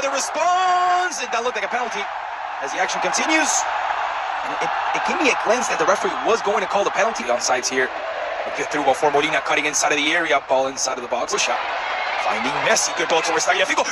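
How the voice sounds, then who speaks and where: A man doing live play-by-play football commentary in an excited manner, shouting players' names and goals. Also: a little high. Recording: loud stadium crowd noise behind voice. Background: roaring football crowd.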